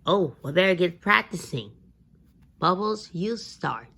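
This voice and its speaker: A woman voicing cartoon characters in a playful fan dub, with a halting, eager childlike delivery. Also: lowish voice, animated, gravelly, sharp tone, husky.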